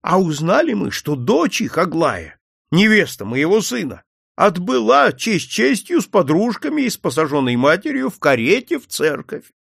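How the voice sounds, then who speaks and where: A man's voice: high-pitched, normal speed, gravelly, slightly rough, no room sound, studio quality, pitched above the performer's own voice, full character voice. A man voicing a grumpy, proud old millionaire merchant who grumbles. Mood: worried. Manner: grumbling, lively.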